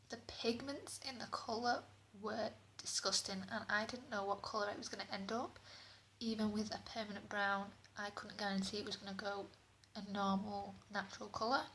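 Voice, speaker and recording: A woman's voice: medium pitch, fairly bright tone. A British woman giving a casual spoken product review as a beauty vlogger, her voice echoing in a bathroom. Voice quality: echoey sound. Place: indoors, echoey bathroom. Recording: echoey bathroom, clear background noise.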